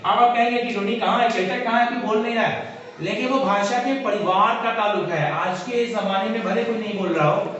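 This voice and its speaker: A man's voice: sits high, fairly bright tone. Male teacher lecturing in an echoey room. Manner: measured, explanatory, addresses students directly. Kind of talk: classroom lecture to camera. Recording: echoey room, far from mic, dull lo-fi sound, faint hiss.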